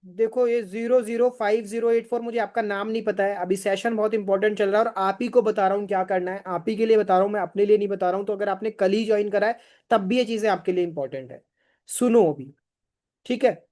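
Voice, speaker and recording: A man's voice: high voice, fairly even intonation, fast, darkish tone. A man running a live online sales training, emphatic and firing rhetorical questions, urging viewers to answer in the chat.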